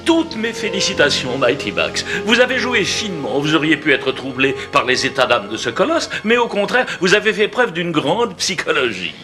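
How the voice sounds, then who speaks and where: An actor playing a learned, excitable mentor of a boy hero in a French cartoon dub, speaking in formal, pompous phrases. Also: fairly high pitch, normal speed, hardly any pauses. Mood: pleased, formal. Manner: pompous, formal, ornate diction. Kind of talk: French animated series dubbing. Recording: clear music behind the voice.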